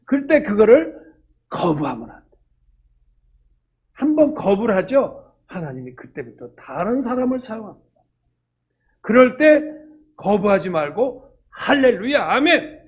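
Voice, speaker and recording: Older male preacher, high and husky, lively storyteller acting out dialogue. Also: unhurried, long pauses. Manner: animated, acts out dialogue in quoted voices. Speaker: church elder preaching. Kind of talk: sermon.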